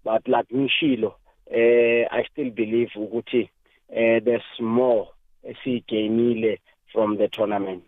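A South African man speaks as an interviewed coach in a mid-pitched voice. He is measured and hesitant, breaking his answers into short phrases. The line is dry, narrow and phone-like. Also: little pitch movement, no room sound. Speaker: football coach being interviewed. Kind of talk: radio interview, mixing two languages.

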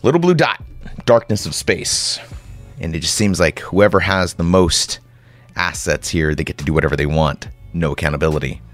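A man delivering an impassioned, sarcastic monologue to listeners like a conspiratorial late-night rant, with rhetorical questions, repetition and dramatic pauses. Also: deep voice, soft background music. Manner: dramatic pauses and repeated phrases. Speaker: commentator host.

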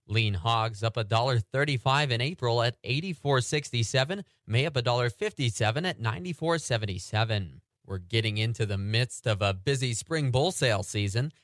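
Hardly pausing, a man reads a radio farm report's agricultural news and market prices a little fast, in a steady newsreader manner. His voice is medium-pitched, and the clean studio recording is dry.

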